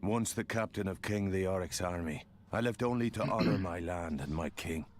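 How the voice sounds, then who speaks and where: A man as a very deep-voiced cursed warrior. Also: slight background noise, close to an everyday voice. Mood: solemn, bitter. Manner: solemn, measured storytelling. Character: grave, cursed former army captain, haunted warrior. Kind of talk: dramatic video game monologue.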